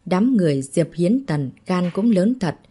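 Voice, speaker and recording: A woman narrating a martial-arts novel as an audiobook in an even, dramatic storytelling manner. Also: fairly low pitch, a little slow, slightly rough.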